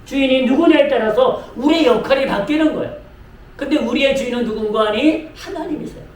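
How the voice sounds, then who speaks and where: A man's voice: very high-pitched, a little fast, a little hiss or hum. A man preaching a sermon as pastor, speaking to his congregation with lots of repetition and direct appeals. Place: church sanctuary. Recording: echoey room mic from a distance.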